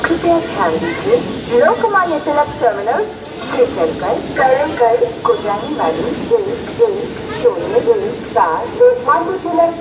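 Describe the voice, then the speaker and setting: A woman giving a recorded train announcement over a station loudspeaker, formal and slow, her pitch leaping between stitched-together words. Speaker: railway announcer. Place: outdoor railway platform. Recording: echoey loudspeaker from far off, loud platform noise. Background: trains and station bustle.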